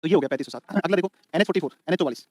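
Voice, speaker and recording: Fast-talking male teacher. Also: on the high side, darkish tone, no room sound, studio quality. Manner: repetitive, drills points for students to write down; colloquial, addresses students as beta and bhai. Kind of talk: exam-prep lecture.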